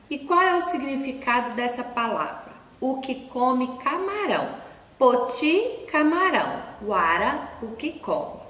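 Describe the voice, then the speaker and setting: A woman teacher giving a recorded class to young children, spelling out letters and syllables slowly and patiently, asking questions and then answering them herself. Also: fairly high pitch, fairly bright tone. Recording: echoey room, distant from mic.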